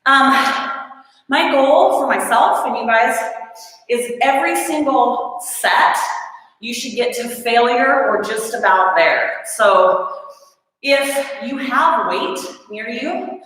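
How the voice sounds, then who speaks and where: A woman's voice: a little high, slow, fairly bright tone. A woman fitness instructor leading a live workout class, coaching in an upbeat way, counting reps aloud and joking about her own effort. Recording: echoey room with long reverb.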